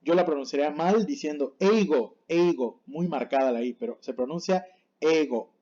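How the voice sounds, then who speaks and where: A man teaching a language lesson, patiently saying each word slowly and then again to contrast the right and wrong way, and often checking that his class follows. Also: on the high side, mellow, dull audio. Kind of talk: explaining Japanese pronunciation on screen.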